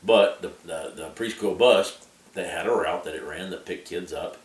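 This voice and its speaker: A man shares memories in a casual, halting way. He is picked up from a distance in an echoey room. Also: low voice. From Appalachian Tennessee, US. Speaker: interviewee sharing memories. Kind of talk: casual oral-history recollection. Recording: echoey room, distant mic, background noise.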